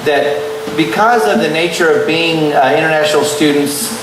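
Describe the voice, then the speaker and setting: A man's voice: on the high side, moderate pace, recorded from a distance, noisy background. Male talk host, easygoing and joking, fillers throughout; very echoey room, off-mic. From Texas. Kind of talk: casual interview.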